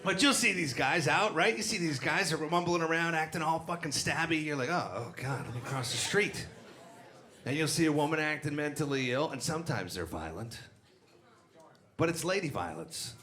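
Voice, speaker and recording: A man's voice: on the high side, fairly quick. A man doing a crude, brash stand-up set on a comedy club stage, talking into a handheld mic while an audience laughs. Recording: echoey club with loud crowd.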